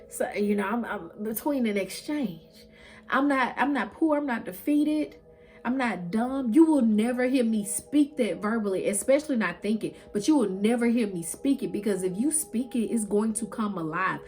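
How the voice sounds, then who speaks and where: A woman's voice: a little high, a little mellow. Emphatic woman giving a motivational talk. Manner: emphatic, preachy encouragement with personal anecdotes and repeated phrasing. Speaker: host, motivational speaker. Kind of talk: motivational talk to camera, casual and direct.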